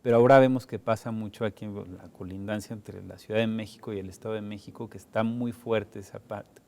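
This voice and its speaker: Man, Mexican accent, low pitch, mellow tone, conversational host, tag questions. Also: steady tone, brisk, gravelly. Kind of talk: studio panel moderating. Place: television studio.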